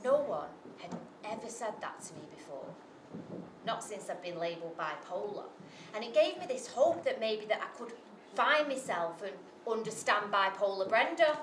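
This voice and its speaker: A woman tells a brash, sweary, self-mocking comic story live, peppering it with asides to the audience. Her mid-range voice has lively intonation, a moderate pace and a fairly bright tone. It's captured from far off in an echoey venue, with slight background noise.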